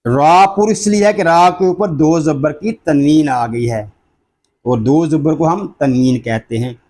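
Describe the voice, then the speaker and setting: A man teaching Quran reading, spelling out letters and vowel marks slowly and patiently explaining each rule again and again. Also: a little high, darkish tone. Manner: repeats the rules deliberately for memorization. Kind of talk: slow, drawn-out recitation lesson.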